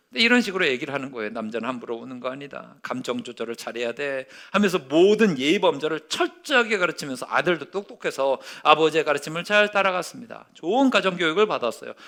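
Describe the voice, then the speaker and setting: A male pastor preaching a sermon, telling a story and acting out its quotes, dropping to a hush and rising loud again. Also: a little high. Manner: storytelling with acted-out quotes, swinging from hushed to loud.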